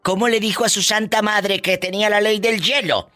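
A man's voice: sits high, steady tone, a little fast, sharp tone. A man hosting a call-in radio show, teasing and dramatic. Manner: theatrical, gasps and teasing exclamations. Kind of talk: playful radio call-in banter.

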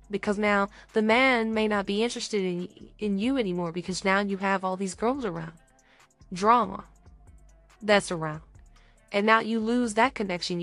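Woman giving animated dating advice. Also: medium pitch, no room sound. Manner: animated, acts out dialogue with others' voices. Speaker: podcast co-host. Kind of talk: casual advice talk.

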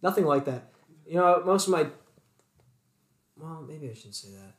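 A man's voice: fairly high pitch, moderate pace. A young man co-hosting a podcast, telling a story in casual chat and acting out both sides of an argument. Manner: animated storytelling, acts out both sides of quarrels. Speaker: podcast co-host. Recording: echoey room.

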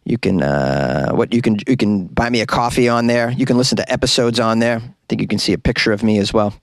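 A man hosting a podcast in a casual, rambling way, halting and wry as he addresses his listeners. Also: lowish voice, dry recording, studio quality. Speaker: podcast host. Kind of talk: casual solo podcast chat.

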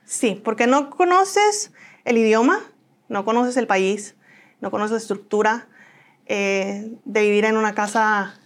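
Mexican woman recounting her past, higher voice. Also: a little slow. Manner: earnest, animated, acts out quoted voices. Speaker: guest. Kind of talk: interview, personal storytelling.

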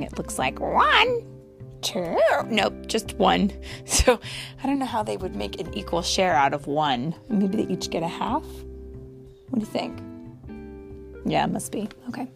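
A mother reads a picture book aloud at an unhurried pace, her voice gravelly at the edges. She turns to her children with questions and drops into whispers now and then. Soft music plays faintly behind her. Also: medium pitch. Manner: animated storytelling with whispered asides and questions to the listener. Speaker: mother reading to her kids.

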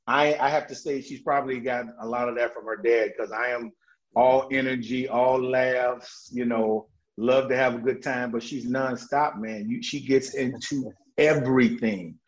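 Energetic laughing man on lo-fi audio. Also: mid-range voice, moderate pace. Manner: energetic, laughing storyteller with many restarts. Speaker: guest. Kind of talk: casual interview chat. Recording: dull lo-fi audio.

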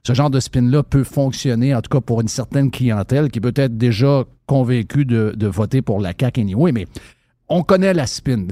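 A man's voice: medium pitch, moderate pace, warm tone, dry recording, clean studio sound. A man with a Québécois French accent hosting a political talk radio interview, talking in a rambling, hesitant way full of fillers and restarts. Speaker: radio show host.

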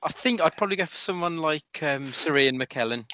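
Bright-voiced man hosting a podcast. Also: on the high side, expressive, fairly quick, muffled recording, a little hiss or hum. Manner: chatty, sweary, moves the talk along. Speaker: podcast host. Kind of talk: casual podcast chat with scripted segments.

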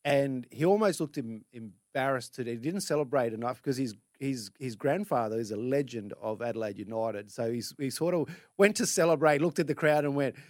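Male Australian sports pundit, mid pitch, casual and halting with repeated words, dry studio. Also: no room sound. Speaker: radio sports show co-host. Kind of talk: casual sports chat and opinion.

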